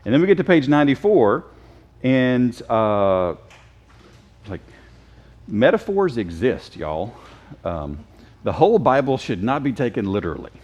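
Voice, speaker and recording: A man's voice: mid-range voice, very animated, a little slow, long pauses, a little mellow, highs cut off. A man teaching a casual Bible class, joking and quizzing his students. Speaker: Sunday school teacher. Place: church classroom.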